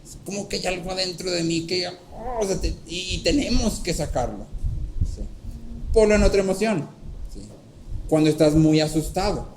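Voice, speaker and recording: Animated Spanish-speaking preacher, man. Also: high voice, moderate pace, slight background noise, rough recording. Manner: checks in with frequent "¿sí?"; animated storytelling, acting out voices. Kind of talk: sermon teaching. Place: church hall.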